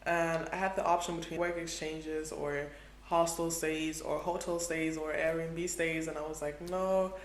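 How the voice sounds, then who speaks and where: A travel vlogger in his twenties, for whom Portuguese is a second language, chats casually and fills his speech with "like." His voice is a little high, his tone level and his pace measured, recorded in an echoey room with faint ambience.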